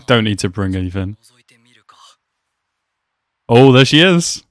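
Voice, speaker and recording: He's a reaction video host in his twenties, taking things slowly while his medium-pitched voice rises and falls with lively intonation. Close to a desk mic in a small room, he offers amused, slangy remarks in a relaxed manner.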